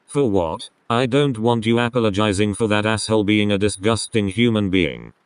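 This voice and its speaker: A man voicing a fierce, protective teenage boy in a read-aloud text story, talking gruff and blunt. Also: fairly low pitch, moderate pace, no room sound, lightly acted. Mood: tender.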